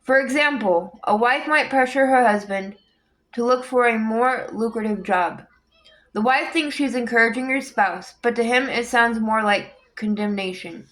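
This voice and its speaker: A woman reading a book aloud in a calm, measured way, with an occasional small restart. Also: a little high. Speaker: audiobook reader.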